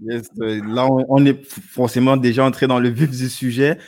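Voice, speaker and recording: A man hosting a relaxed interview speaks at a middle pitch. His talk is halting, and he keeps pausing with fillers. He sounds like an ordinary voice in a casual chat. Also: no room sound, clean studio sound. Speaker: podcast host.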